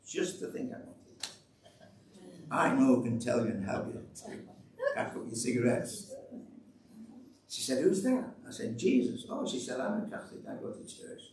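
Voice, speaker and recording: A man's voice: mid-range voice, expressive, normal speed, pauses often, a little hiss or hum. A man giving a church talk, chatty and storytelling, re-enacting conversations and urging listeners on. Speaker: church speaker giving testimony. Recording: roomy echo, distant mic, faint ambience.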